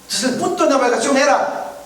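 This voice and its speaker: A male pastor delivers his sermon in an unusually high voice, often pausing to ask whether his listeners follow. He stands well back from the microphone. His words ring through a heavily echoing church. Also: fairly bright tone. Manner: preaching, often checks in with listeners. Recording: very echoey church from far off.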